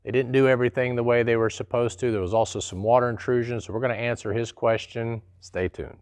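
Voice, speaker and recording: Speaking fast with a steady tone at medium pitch, a middle-aged host fields a viewer's question. It's a casual, folksy explainer delivered to camera in a small studio before a plain wall.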